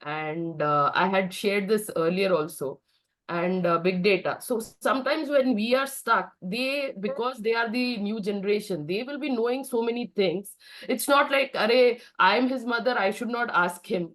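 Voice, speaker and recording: A woman's voice: mid-range voice, moderate pace, a bit bright, poor audio. A middle-aged woman with an Indian accent speaking casually in a group discussion, mixing Hindi phrases into her English. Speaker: participant in a networking discussion.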